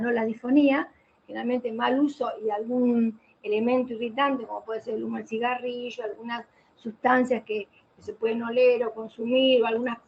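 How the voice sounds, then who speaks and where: A woman's voice: a little high, breathy edge. A woman giving a didactic online lecture on voice care, posing rhetorical questions and answering them herself. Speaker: voice specialist lecturing. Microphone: computer mic on a video call. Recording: muffled video-call audio with faint hiss.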